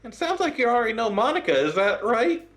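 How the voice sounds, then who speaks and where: A man voicing a shy, bookish teenage girl from a game, soft and hesitant. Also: very high-pitched, very animated, fairly quick, pitched above the performer's own voice, exaggerated voice. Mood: timid.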